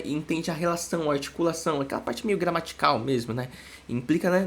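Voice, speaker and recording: A man's voice: fairly high pitch, a little hiss or hum. A young man, a psychologist giving a casual explanatory lesson, full of "né?" checks with his listeners. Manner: chatty, constant "né?" tag questions.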